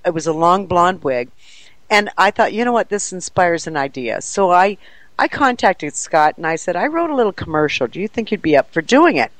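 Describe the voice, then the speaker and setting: A woman who organizes paranormal events, telling an excited story in an interview, animated and laughing often. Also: on the low side, normal speed, dry recording, rough recording.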